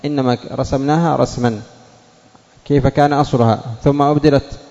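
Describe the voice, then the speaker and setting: A man teaching a classroom lesson on word forms, sounding out each example slowly and quizzing students by name. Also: mid-range voice, steady tone, mellow. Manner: drills words by saying the base form then the changed form, questions students by name. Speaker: teacher of Arabic morphology and Quran reading. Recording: dull lo-fi classroom recording with long reverb.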